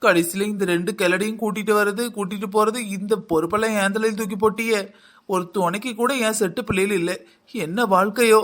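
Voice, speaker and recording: A performer voicing a grumbling young village daughter-in-law in a cartoon, with a southern Tamil Nadu accent and a deep, almost mannish voice. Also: steady tone, fairly quick, a bit bright, close to an everyday voice. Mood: complaining. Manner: sarcastic, complaining. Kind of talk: village comedy cartoon dub.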